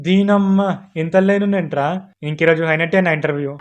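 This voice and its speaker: Guy doing comedy skits, high voice, talks super fast, faint music behind. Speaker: comedy sketch creator playing all parts. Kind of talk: comedy sketch acting.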